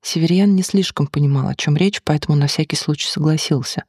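An audiobook narrator reading a novel in an even, measured way. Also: mid-range voice, husky, no echo, clean studio sound.

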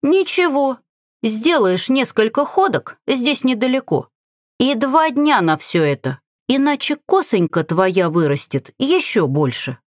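A woman's voice: on the high side, big pitch swings, measured pace, no echo, studio quality, pitched above the performer's own voice. A woman reading aloud, voicing a sly young witch who mocks and gives orders. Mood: commanding. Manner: mocking and commanding.

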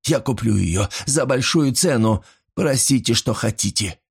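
A man voicing a nervous old male pawnbroker who pleads breathlessly, rising into shrill panic. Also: lively intonation, a little slow, creaky, slightly rough, full character voice. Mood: pleading.

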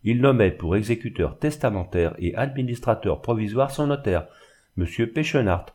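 A man reading a classic novel aloud in a steady, literary narration. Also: mid-range voice, moderate pace. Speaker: audiobook narrator. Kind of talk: scripted narration.

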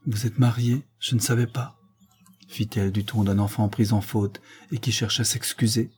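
A man reading aloud voices a fragile young woman in love, pitching his voice up and pleading. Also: steady tone, moderate pace, a little mellow, husky. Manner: pleading, voice raised above his own.

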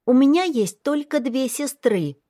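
A woman's voice: high voice, animated, measured pace, dark tone, dry recording, clean studio sound, pitched above the performer's own voice. A woman voicing a stubborn, capricious little girl princess in an audiobook, with a whiny, insistent childish manner. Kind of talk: audiobook character voice.

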